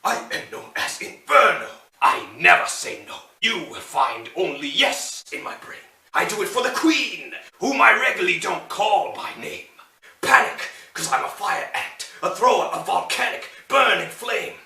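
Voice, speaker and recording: Man doing a forceful, zealous fire ant impression. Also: high-pitched, big pitch swings, moderate pace, creaky, heavily acted. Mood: zealous, devoted. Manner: switched-in cartoon impression voice, zealous rhyming. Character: fanatically loyal male fire ant robot, royal servant. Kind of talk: theatrical character poem recital. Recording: roomy echo, distant mic.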